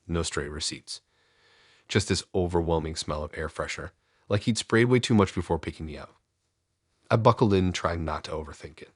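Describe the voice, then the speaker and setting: A man reading a scripted first-person horror story in a low, measured storytelling delivery. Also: slightly rough, dry recording, studio quality.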